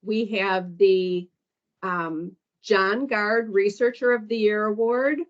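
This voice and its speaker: A foundation staff presenter, a woman with a medium-pitched, steady voice, walks through slides on an orientation call. She reads down program lists haltingly with frequent ums, and the conference call audio is dull, muffled, and lo-fi.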